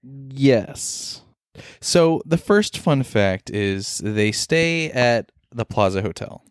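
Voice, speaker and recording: Man, movie podcast co-host, casual chat, playful quick asides, middle pitch, dry sound. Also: expressive, clean tone, no room sound.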